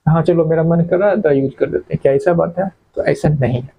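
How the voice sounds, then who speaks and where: A man's voice: fairly high pitch, brisk, vocal fry, breathy edge, dull audio. A man teaching English grammar in a classroom-style lecture, often asking a question and then answering it himself. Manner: asks questions and answers them himself, repeats key words.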